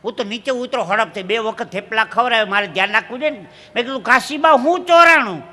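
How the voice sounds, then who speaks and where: A man's voice: sits high, fast talker, pushed and bright. A man from Dwarka tells jokes on stage into a handheld mic and laughs at his own punchlines. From Dwarka, Gujarat, India. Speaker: stand-up comedian. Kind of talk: stage comedy storytelling at a folk gathering. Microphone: handheld stage microphone.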